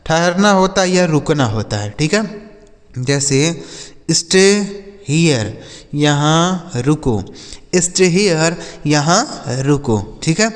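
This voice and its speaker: A man's voice: on the high side, animated, drawn-out words, big-room sound. A man teaching English words to children in Hindi, spelling each word letter by letter and repeating every example sentence twice. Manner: addresses viewers as children. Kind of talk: slow spelling-and-translation lesson for children.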